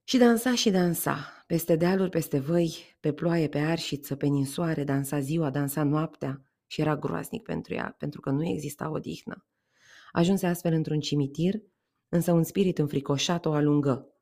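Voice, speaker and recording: A woman podcaster reading a fairy tale aloud, calm and measured, then reflecting on it. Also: deep voice. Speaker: podcast storyteller.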